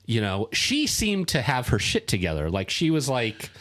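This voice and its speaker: A man co-hosting a casual podcast chat, talking haltingly with many fillers and restarts. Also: mid-range voice, huge pitch swings, a bit bright, soft background music. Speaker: podcast co-host.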